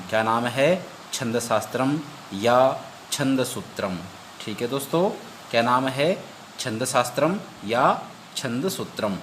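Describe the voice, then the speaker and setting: A man teaching an exam-prep lesson. He recites verses slowly and repeats each point as a question he then answers. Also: medium pitch, a little hiss or hum.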